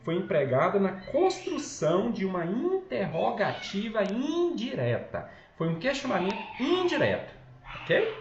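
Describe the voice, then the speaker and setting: A man's voice: high-pitched, wildly swooping pitch, a little slow. A man with a Brazilian accent, a school Portuguese teacher recording a lesson at home, talking patiently, often checking in and correcting himself. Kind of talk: recorded online lesson walkthrough. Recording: echoey, slightly dull home recording with faint noise.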